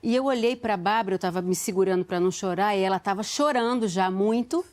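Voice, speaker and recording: A woman's voice: mid-range voice, fast, a little mellow. A woman in her forties, a talk show guest, telling a story earnestly with frequent restarts. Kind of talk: emotional storytelling.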